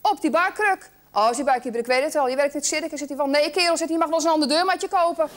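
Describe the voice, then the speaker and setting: A woman telling a joke about acrobats in a café with lively storytelling. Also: high voice, racing, noisy background. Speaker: joke teller.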